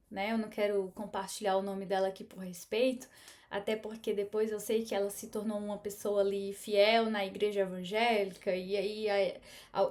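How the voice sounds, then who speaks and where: A woman's voice: mid-range voice, darkish tone. A woman with a Brazilian accent telling a personal spiritual story in an earnest, chatty vlog style, often tagging her sentences with little questions to the listener. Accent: Brazilian Portuguese. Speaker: spiritual teacher and medium.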